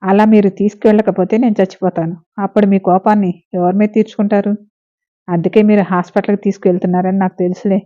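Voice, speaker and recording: A woman reading the lines of a young woman in pain, tearful but quick with sharp retorts. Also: medium pitch, little pitch movement, close to an everyday voice. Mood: teasing. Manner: pleading, sharp-tongued retorts. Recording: narrow phone-like lo-fi sound.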